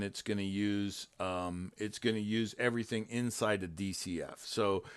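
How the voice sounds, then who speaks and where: A man hosting a casual livestream and talking through his own software. His voice is lowish and smooth, and he rambles, restarts and leans on lots of fillers as he explains. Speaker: host and game developer. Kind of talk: casual livestream tech chat.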